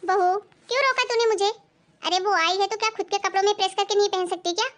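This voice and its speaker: A woman voicing a stern but caring middle-aged mother in an animated family story, who lectures and scolds. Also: very high-pitched, fast talker. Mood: scolding. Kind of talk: animated cartoon voice acting.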